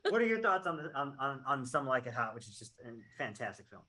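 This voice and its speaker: Podcast host, casual film chat, enthusiastic, very lively intonation, long run-on turns. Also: mid-range voice, quick pace.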